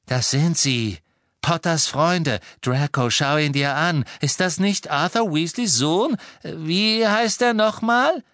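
A man voicing an excited, impatient aristocratic wizard who presses eagerly. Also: a little high, unhurried, few pauses, no echo, pitched above the performer's own voice.

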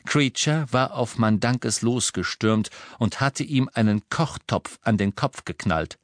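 A man narrating an audiobook in an expressive, even-paced reading. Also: medium pitch, a little slow, no echo.

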